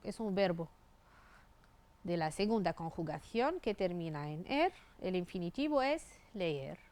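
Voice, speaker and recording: Slow, lively woman teaching a lesson. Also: fairly low pitch. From Tunisia. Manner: slow, clear teaching, spelling out verb endings. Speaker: Spanish teacher. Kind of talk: grammar lesson.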